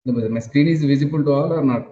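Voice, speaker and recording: A man teaches an engineering class over an online call, heard through a screen recording. His voice is dark and mellow, and his phrasing stops and restarts with repeated words and fillers. The sound is dull, lo-fi and roomy, with faint noise behind. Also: medium pitch, quick pace. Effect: screen-recorded online class audio. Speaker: engineering lecturer.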